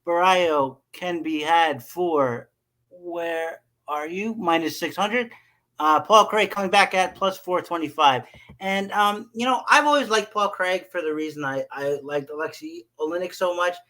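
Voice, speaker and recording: A man's voice: high voice, normal speed, pushed and bright. A man hosting a casual sports podcast, talking with frequent fillers and restarts. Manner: hesitant, many fillers and restarts. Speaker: podcast host.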